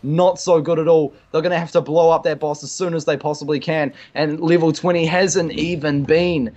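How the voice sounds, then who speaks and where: A man giving esports color commentary in a relaxed, halting way with fillers, reacting fast to plays. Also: a little high. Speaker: esports caster.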